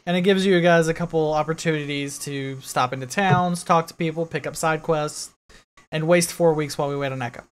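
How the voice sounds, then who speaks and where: Laughing, easygoing game master. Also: male voice, fairly high pitch, a little fast, clear, resonant tone. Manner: laughing, relaxed, rambling. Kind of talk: casual chat running a tabletop game.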